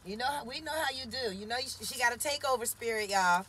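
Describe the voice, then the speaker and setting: With slight background noise, a woman in her forties chats on a casual live stream from her parked car, phone held at arm's length. She talks fast in a fairly high, slightly bright voice, teasing and calling out viewers by name.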